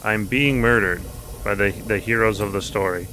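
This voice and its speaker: A man's voice: fairly low pitch, moderate pace, pushed and bright, slight background noise. A man streaming a video game, chatting casually with jokes and swearing as he plays. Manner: chatty, joking, profane. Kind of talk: casual gameplay commentary.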